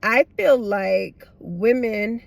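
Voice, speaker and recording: A woman's voice: medium pitch, drawn-out words, creaky, dry recording. A middle-aged woman with a slight lisp from wearing retainers, tired and chatting candidly in a rambling, blunt, slangy way. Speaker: vlogger. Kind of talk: casual, candid chat to viewers. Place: inside a parked car.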